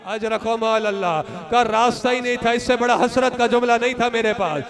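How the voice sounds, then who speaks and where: A man's voice: very high voice, normal speed. A man giving an impassioned mourning sermon, declaiming emotionally and calling out directly to the mourners in an assembly hall. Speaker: religious orator at a mourning gathering. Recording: crowd of mourners audible behind. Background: crowd noise.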